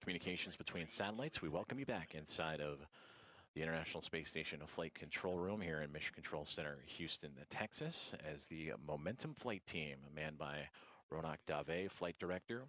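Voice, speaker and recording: A man with an exceptionally deep voice provides live coverage as a mission control commentator. The sound is dry, with very little room in it. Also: brisk, fairly bright tone, no echo.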